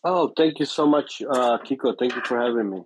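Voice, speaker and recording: A man's voice: mid-range voice, a little fast, slight background noise. A man in his fifties from Brazil with a Brazilian Portuguese accent, a chef and restaurant owner being interviewed, speaking hesitantly with many fillers. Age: 50s. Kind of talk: casual interview. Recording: dry, slightly dull sound.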